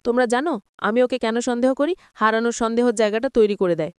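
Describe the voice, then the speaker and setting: A woman's voice: fairly high pitch, fast, darkish tone, clean tone, no echo, close to an everyday voice. A woman voicing an angry, suspicious young man in a storybook retelling of a TV serial, speaking in a heated, accusing way.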